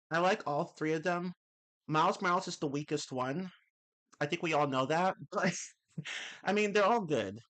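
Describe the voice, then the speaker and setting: On a live stream, a young man reads chat messages and answers them casually, rambling, correcting himself and swearing offhandedly. His voice runs on the high side with a fairly bright tone. It still sounds slightly off, a leftover from a cold.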